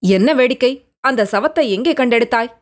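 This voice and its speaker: A stern older Buddhist monk, questioning sharply, as a woman narrator acts him out. The voice stays a touch high for a man. It is a storybook reading. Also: expressive, normal speed, natural voice.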